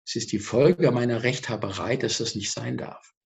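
A man who speaks on personal growth appears as a guest in a TV interview, explaining his ideas in a lively way with plenty of examples. His voice is mid-range with some vocal fry, and he talks at a moderate pace.

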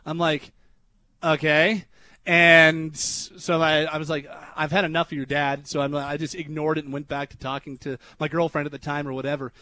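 A young adult man hosting a radio show, telling a story in an animated way that turns loud and high when he retells his anger. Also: moderate pace. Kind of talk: casual storytelling on talk radio. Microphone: studio microphone.

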